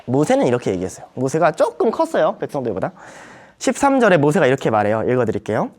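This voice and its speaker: Young male youth preacher, Bible study lecture, very lively delivery, acts out quotes. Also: fast. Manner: animated, acts out quoted voices with sharp pitch jumps. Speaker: youth ministry preacher teaching teachers.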